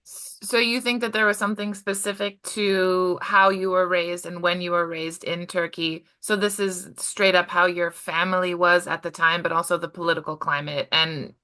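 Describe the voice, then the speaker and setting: A woman hosts an interview in a bright, crisp voice. She asks loose, casual questions that circle around as she goes. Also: lowish voice, flat delivery, normal speed, few pauses. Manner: casual, rambling questions full of "like". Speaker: podcast host.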